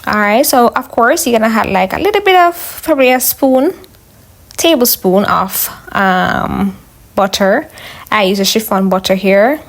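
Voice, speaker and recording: A woman's voice: fairly high pitch, expressive, a little slow. Jamaican woman, casual cooking voice-over. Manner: chatty, instructional, addressing viewers as guys. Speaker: home cook, video host.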